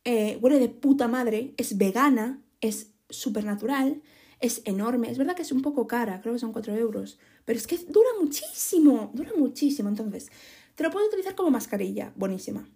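A young woman, chatting casually and giving listeners advice on her podcast, expressive and laughing often. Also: a little high, normal speed, breathy edge. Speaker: podcast host answering listener questions.

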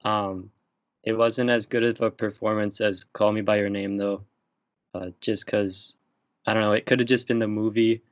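A young man talks casually and hesitantly, trailing off and restarting as he thinks aloud. His voice is fairly low. The sound is dry and a bit muffled and lo-fi. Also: level tone, normal speed, no room sound. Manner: hesitant, rambling, many fillers. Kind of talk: casual chat.

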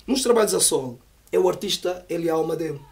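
A middle-aged man, a rapper being interviewed, tells stories casually in slang, animated and reflective, often adding short check-in phrases. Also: on the high side, fast talker. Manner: animated, reflective, peppered with "yeah" and "estás a ver". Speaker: rapper interviewed about his albums. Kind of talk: casual conversational storytelling with slang.

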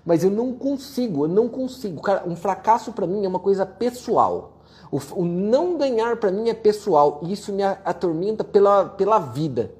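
A man giving a blunt, profane motivational rant while answering viewer questions, forceful and mocking toward complainers. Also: sits high, expressive, moderate pace. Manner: forceful, profane, mocks complainers in whiny voices.

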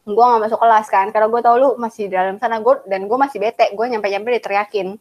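A young adult woman co-hosting a podcast, telling a story and acting out the quotes in a lively way. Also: medium pitch, fast, lo-fi sound. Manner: animated retelling with acted-out quotes. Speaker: podcast co-host. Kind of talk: casual chat, storytelling.

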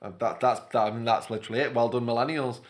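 A playful man in his late twenties banters on a podcast and reads news out to his co-host. His voice sits at a plain middle pitch, and he keeps the tone light. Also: steady tone, rapid-fire. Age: 20s. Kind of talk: casual chat, reading news aloud.

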